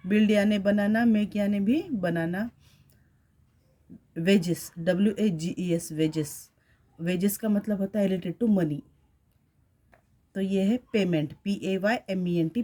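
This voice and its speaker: A woman's voice: mid-range voice, dark tone. Woman teacher spelling out words. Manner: spells words letter by letter, mixes Hindi and English. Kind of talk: classroom lesson explaining a workbook.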